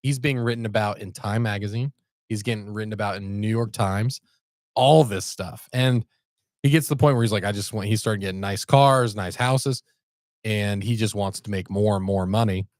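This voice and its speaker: A podcast co-host retells a story in a rambling, laid-back way, with lots of fillers. His voice is on the low side at a moderate pace, with no room sound.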